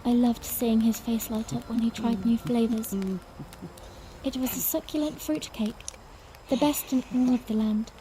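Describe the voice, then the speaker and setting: Woman acting a high-voiced, tender princess, Zelda. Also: fairly even intonation, moderate pace, mellow, slight background noise, close to an everyday voice, poor audio. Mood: warm, wistful. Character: young princess, tender, earnest, gently playful narrator. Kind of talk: first-person audiodrama narration with character dialogue.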